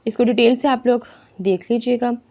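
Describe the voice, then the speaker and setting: A woman teaching an exam-prep lesson over a screen recording, reading English lines slowly and explaining them with constant "theek hai" checks. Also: a little high, fairly even intonation, dark tone. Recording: dull lo-fi voice-over.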